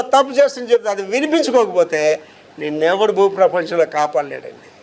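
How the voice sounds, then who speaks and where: A pastor from India preaching a sermon, emphatic and firing rhetorical questions at his listeners. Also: high voice.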